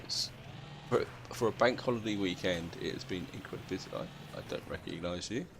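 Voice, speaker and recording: A man's voice: low-pitched, fairly quick, creaky. A British man, sounding half asleep, giving casual commentary as he hosts a video game playthrough. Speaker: video game let's-play host. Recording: noticeable background noise.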